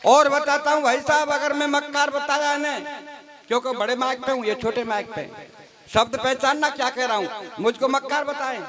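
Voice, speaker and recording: A man's voice: extremely high pitch, fairly even intonation, normal speed. A man reciting comic poetry on stage, telling stories with mock dialogue and teasing his fellow poets. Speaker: stage comedy poet. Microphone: stage microphone. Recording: live crowd behind the voice.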